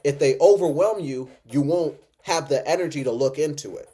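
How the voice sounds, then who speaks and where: A man's voice: a little high, moderate pace, warm tone, slightly rough. Drunk man on an impassioned rant. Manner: emphatic, repetitive, rambling. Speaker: reaction video host.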